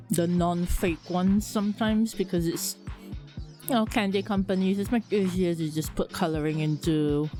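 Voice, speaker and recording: A woman streamer chatting casually with her viewers, talking with a slight lisp and a relaxed, rambling manner. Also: low-pitched. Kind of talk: casual live-stream chat.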